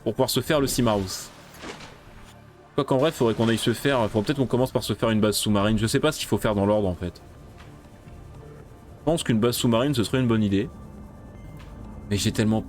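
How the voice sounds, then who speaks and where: A man's voice: lowish voice, brisk, long pauses, darkish tone, soft background music. Jumpy man commenting on a game. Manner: jumpy, talks to game creatures, yelps when startled. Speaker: gameplay streamer. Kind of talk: casual let's-play commentary.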